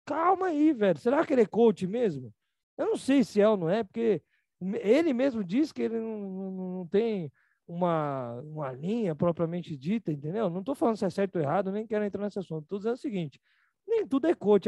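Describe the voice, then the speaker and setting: Teaching emotional reprogramming in a live online class, a Brazilian Portuguese-accented man talks casually and uses slang, heard through a video call. His voice is creaky and mellow, the recording is dry, and he imitates others by raising his voice.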